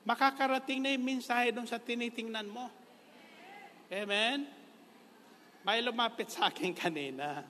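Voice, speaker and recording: A man's voice: extremely high pitch, unhurried, long pauses, bright, forceful tone, long reverb tail, a little hiss or hum. A Filipino-accented man preaching a sermon in a jokey way, laughing often and slipping English phrases in.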